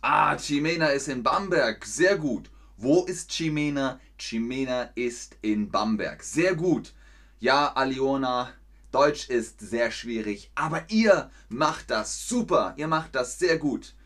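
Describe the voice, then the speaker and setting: Male German teacher on a live stream, slow and deliberate, lively pitch, repeats phrases and praises often. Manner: slow, simple phrasing, repeats sentences for learners; encouraging, frequent praise. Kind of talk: live-streamed language lesson, reading out chat.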